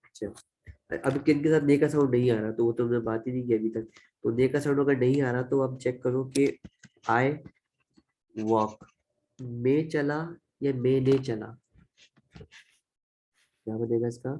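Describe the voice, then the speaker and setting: A man's voice: mid-range voice, fairly even intonation, moderate pace, pauses often, warm tone, poor audio. A man with a Pakistani accent teaching a grammar lecture, explaining step by step and repeating each example. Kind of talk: classroom-style grammar lecture.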